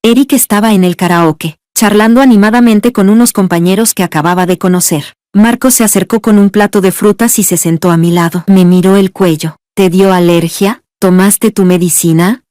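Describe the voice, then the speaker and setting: Mellow-voiced woman narrating a story. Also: mid-range voice, brisk, few pauses, dry recording, studio quality. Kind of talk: scripted first-person story narration.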